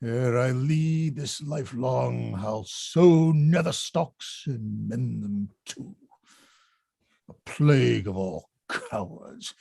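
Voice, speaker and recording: An actor reading a fat old rogue knight in a Shakespeare play, grumbling and blustering like a drunkard in a gravelly voice. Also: male voice, medium pitch, lively intonation, slow, dark tone, no room sound, studio quality, full character voice. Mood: bitter muttering. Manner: grumbling drunkard's bluster, swinging from muttering to bellowing.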